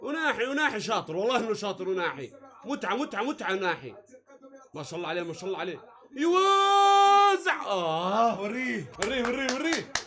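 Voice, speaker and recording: A man reacting live to a football match, excitable, often shouting and jeering at the play. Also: high voice, fast talker.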